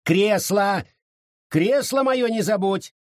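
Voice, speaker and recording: A man doing a shrill, pompous old judge. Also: takes it slowly, no room sound, studio quality. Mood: bossy. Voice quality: whiny, imperious shouting.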